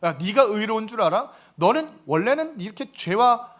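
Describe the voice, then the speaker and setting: Stern scolding God, voiced by a male pastor in a sermon, very high voice. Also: very animated, normal speed, a bit bright. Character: stern God rebuking a proud sinner.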